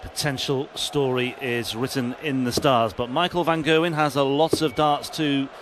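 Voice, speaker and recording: A man's voice: mid-range voice, steady tone, normal speed, a bit bright. A man giving live darts commentary as the lead commentator. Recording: clear venue noise behind the commentary.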